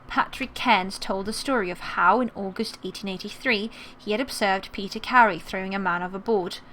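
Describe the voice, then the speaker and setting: Bright and forceful, a woman's medium-pitched voice moves at a moderate pace as she casually comments on a game playthrough and reads its text aloud. She is a gaming video host whose accent mixes American and British, and the audio is fairly noisy.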